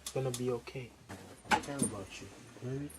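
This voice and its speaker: A man playing a young boyfriend who comforts his partner, talking softly and repeating reassurances in a music video drama scene. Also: a little fast, very noisy, natural voice. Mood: tender, reassuring. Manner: soft, low, repeated reassurance.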